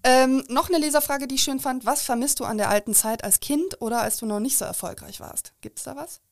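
A woman's voice: sits high, no room sound. Dry-sounding woman hosting a podcast. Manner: friendly, measured, reads listener questions. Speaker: podcast host, interviewer.

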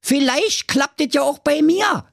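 A man's voice: on the high side, big pitch swings, normal speed, dry recording, studio quality, pitched above the performer's own voice. A man voicing a cheerful, fearless young man with a Berlin dialect who talks in a cheeky, carefree way.

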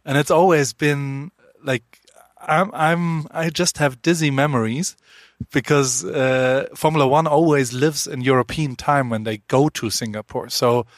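A man's voice: fairly high pitch, fairly even intonation, unhurried, dry recording. A man hosting a podcast, chatting casually and teasing his guest in a playful way. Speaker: podcast host. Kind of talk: casual interview chat.

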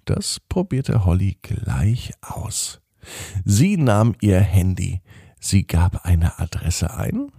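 Mellow, husky man telling children's bedtime stories. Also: deep voice, sing-song, takes it slowly, no room sound, clean studio sound. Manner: addresses young listeners directly, simple explanatory phrasing. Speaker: podcast host and bedtime storyteller. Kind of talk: children's bedtime story narration.

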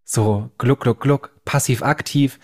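A man from Northern Germany chats on a podcast with playful, joking banter. His voice sits at a plain middle pitch, recorded close on a podcast mic. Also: fairly even intonation, takes it slowly. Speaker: podcast co-host, copywriter and author. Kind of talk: casual podcast chat.

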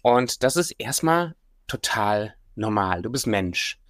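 A man's voice: on the low side, animated, takes it slowly, a bit bright, no echo, studio quality. A man hosting a livestream as a coach, talking informally and directly to the listener in casual motivational talk and guided exercises. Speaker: livestream host, self-development coach.

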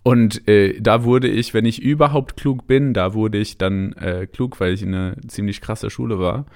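Low-voiced man, English accent in German. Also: moderate pace, darkish tone. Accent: British English accent in German. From Canada and England. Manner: hesitant, mixes English words into German. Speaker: interview guest, musician. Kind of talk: casual autobiographical interview.

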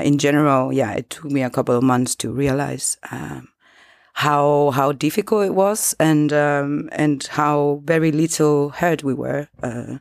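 Young woman, hesitant and halting. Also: sits low, no room sound, studio quality. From Chile. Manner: hesitant, many fillers and restarts, laughs lightly. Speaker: guest, delivery rider. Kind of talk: casual interview answer.

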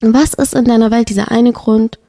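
A woman's voice: on the high side, fairly quick. A young adult woman, a podcast guest, telling a painful personal story with feeling in a casual chat. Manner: emotional, animated storytelling.

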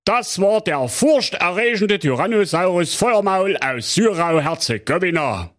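A pompous fairy-tale police inspector, played by a man, who speaks in a raised, slow, self-satisfied drawl. He lays out each point with bureaucratic smugness in a comic audio story. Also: sits high, animated, a bit bright, pitched above the performer's own voice. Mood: smug. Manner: drawling, know-it-all, bureaucratic.

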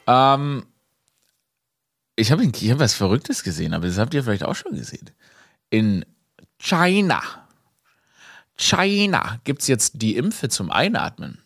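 A young man hosting a podcast, telling a comic story in a lively way, dropping English phrases and laughing at himself. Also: medium pitch, measured pace, vocal fry, long pauses, no echo, clean studio sound. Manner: animated, mixes in English phrases and laughs at his own story. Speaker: podcast host.

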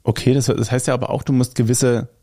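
A man's voice: mid-range voice, flat delivery, fast, dark tone. A man co-hosting a casual podcast chat with a German accent, telling rambling anecdotes and often correcting himself mid-sentence. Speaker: podcast co-host.

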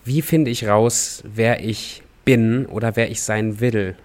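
A man's voice: fairly low pitch, fairly even intonation, takes it slowly, a little mellow. Enthusiastic casual podcast host, male. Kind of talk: podcast conversation.

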